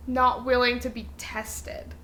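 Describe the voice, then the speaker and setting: Now slow and flat, her slightly high voice is still bright and forceful as the young woman chats informally with a friend on the podcast, acting out quotes while explaining things. The sound has a roomy echo and faint background noise.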